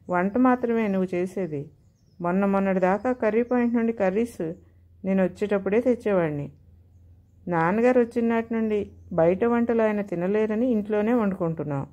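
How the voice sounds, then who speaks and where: A woman's voice: mid-range voice, mellow, muffled recording, natural voice. A woman voicing a short-tempered young husband who scolds his wife. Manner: snapping, scolding.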